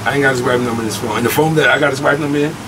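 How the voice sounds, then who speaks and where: A man from New York ranting boastfully and loudly on a live stream, taunting as he talks. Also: mid-range voice, rapid-fire. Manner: boastful, loud, profane, taunting. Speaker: livestreamer. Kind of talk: brash live-stream rant. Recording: loud crowd around him.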